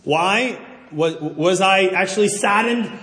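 A middle-aged man preaching a sermon, telling stories in an animated, self-deprecating way. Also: sits high, slow pace. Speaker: pastor. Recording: roomy hall reverb.

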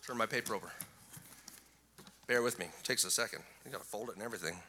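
A male pastor preaching an animated, enthusiastic sermon, often repeating words as he gets excited. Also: on the low side, quick pace, big-room sound, a little hiss or hum.

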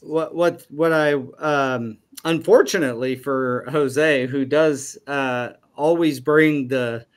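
A man's voice: medium pitch, steady tone, slow pace, few pauses. A man hosting a trade podcast, talking loosely with fillers and restarts as he sums up the discussion. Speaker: podcast host. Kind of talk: casual panel discussion.

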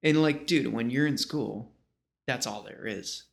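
Swapping memories as a guest, a man in his thirties from small-town western New York tells stories in a relaxed, rambling, slangy way with an American accent. His mid-pitched voice is heavy with vocal fry, and he talks a little slowly.

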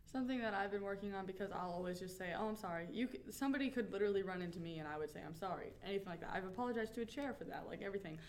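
A woman's voice: medium pitch, rapid-fire, few pauses, slight background noise. A woman in a group discussion sharing her own experiences in a candid, self-deprecating way. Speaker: discussion participant. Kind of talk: casual chat.

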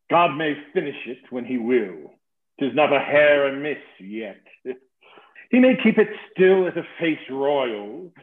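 A man playing a boastful, witty old knight, mocking and savoring his insults in a theatrical play reading. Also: on the high side. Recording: tinny phone-like sound in an echoey room.

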